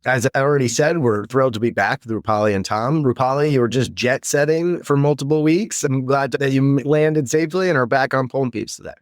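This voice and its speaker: A man's voice: mid-range voice, fairly quick, hardly any pauses, dry recording, studio quality. A man co-hosting a medical education podcast, greeting his co-hosts and reading the show's disclaimer. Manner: friendly, welcomes and introduces co-hosts. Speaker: podcast co-host, physician.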